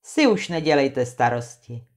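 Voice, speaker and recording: A woman's voice: very deep voice, very animated, darkish tone, pitched below the performer's own voice. Woman doing a stern mountain spirit. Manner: stern, commanding.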